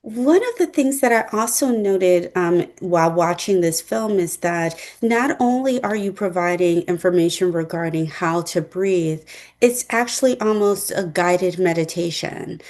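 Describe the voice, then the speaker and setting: A woman hosting an interview as a psychologist, speaking in a measured, reflective way with academic phrasing. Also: lowish voice, darkish tone. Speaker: host and psychologist. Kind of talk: interview conversation.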